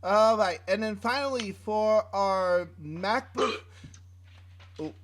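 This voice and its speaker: A man's voice: high-pitched, takes it slowly. A man co-hosting a casual tech podcast, reading specs with many fillers and restarts in a laid-back way. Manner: laid-back, swears mildly. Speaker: podcast co-host. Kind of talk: casual chat.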